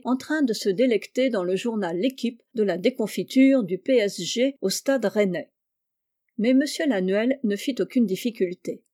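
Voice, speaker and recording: A woman reading a crime short story aloud in a measured, steady narration. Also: medium pitch. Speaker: story reader.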